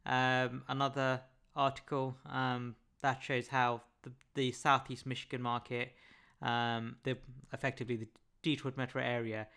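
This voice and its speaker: A man presenting a webinar over slides, measured and often pausing with "um". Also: mid-range voice, level tone, sharp tone, clean tone. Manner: measured, frequent "um" fillers.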